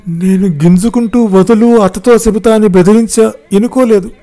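A man's voice: on the high side, moderate pace, mellow, faint music behind, close to an everyday voice. A man voicing a frightened teenage girl confiding in her mother. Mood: distressed.

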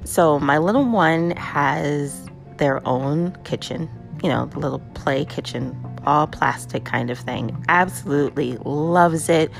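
A woman hosting a casual motivational talk, conversational and lively, often checking in with "right?". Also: sits low, a little slow, vocal fry, soft background music. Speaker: host.

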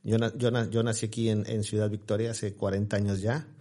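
A man in his 40s from Tamaulipas, Mexico, chats as a guest in a casual interview, telling rambling stories full of fillers and restarts. His voice is on the low side and dark, with flat, slightly fast delivery.

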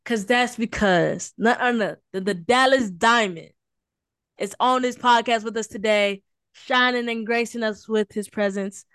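Co-hosting a casual podcast, this young woman from Houston, Texas speaks at a measured pace in a slightly high, a bit bright voice that's clear and resonant, with no room sound. She teases playfully and hypes up her co-host in a Southern way.

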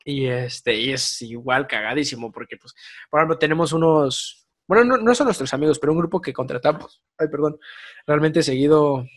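A young Mexican man chats as a podcast host in fast, slang-heavy speech, with a voice sitting a little high for a man. He tells his stories with animated energy. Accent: Mexican Spanish. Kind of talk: casual chat.

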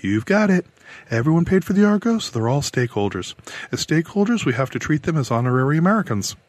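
Guy doing a brisk lady court clerk, clipped and bossy, pitched way up. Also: sing-song, dry recording. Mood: brisk, instructive. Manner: curt, instructive, hurried.

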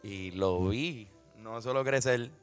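A young man with a Puerto Rican accent co-hosting a podcast from a tattoo studio, talking in a warm, playful, teasing way. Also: on the low side, slow pace, soft background music. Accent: Puerto Rican Spanish. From Puerto Rico. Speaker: podcast co-host. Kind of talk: casual chat.

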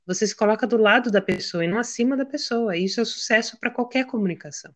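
A woman's voice: on the high side, fast talker. A woman co-hosting a casual podcast, reflecting aloud and quoting her own words. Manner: reflective, animated storytelling with quoted self-talk. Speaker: podcast co-host. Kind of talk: casual chat.

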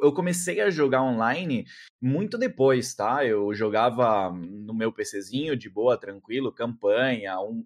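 A man from Argentina in his thirties, a native Spanish speaker, chatting casually as an interview guest, full of slang and repeated fillers. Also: mid-range voice. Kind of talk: casual chat.

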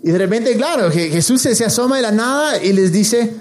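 Slangy, high-voiced preacher man. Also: a little fast. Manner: slangy, animated storytelling with acted quotes. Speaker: youth pastor. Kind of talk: casual sermon.

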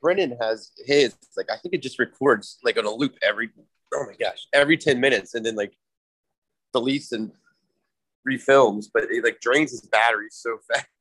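A man who is a guest on a podcast, telling stories in an easygoing, joking way with halting restarts. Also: mid-range voice, fairly bright tone, husky, dry recording, rough recording. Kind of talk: casual podcast chat.

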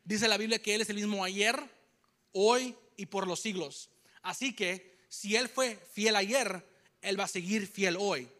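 A young man preaching a sermon to a congregation, telling a personal story with animated delivery and English phrases mixed in. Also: high-pitched, unhurried. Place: church hall with congregation.

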